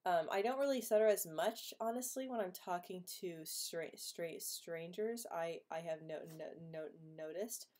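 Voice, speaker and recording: A woman who stutters hosts a live stream, reading comments and casually answering viewers' questions, with frequent repeated sounds and blocks and plenty of laughter. Her voice is on the low side and a little mellow, moving at a moderate pace with hardly any pauses.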